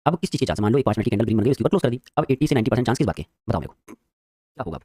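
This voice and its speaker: A man teaching a live trading lesson, quizzing his viewers and talking very quickly. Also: medium pitch, big pitch swings, a little mellow, no echo.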